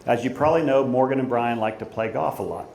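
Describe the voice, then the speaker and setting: A middle-aged man giving an informal father of the bride speech at a wedding reception, conversational and anecdotal, pausing for the guests. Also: mid-range voice, gravelly. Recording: echoey room, loud crowd and background noise. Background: crowd of guests, room noise.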